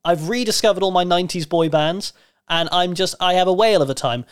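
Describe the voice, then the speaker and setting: Higher-voiced Cornish man, playfully teasing. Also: brisk, clear, resonant tone. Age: 30s. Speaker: podcast co-host. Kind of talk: casual chat.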